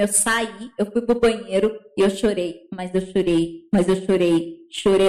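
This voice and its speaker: A young woman telling a personal story in casual chat, animated, acting out other people's words. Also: on the high side, reverberant, low-quality recording. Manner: animated, acts out quoted voices. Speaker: guest.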